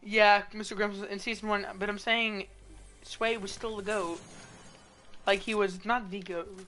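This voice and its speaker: A young woman playing a shooter game and chatting casually, playful and teasing, with bursts of excited yelling. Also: mid-range voice, a little slow. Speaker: gamer streamer. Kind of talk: casual gameplay chat.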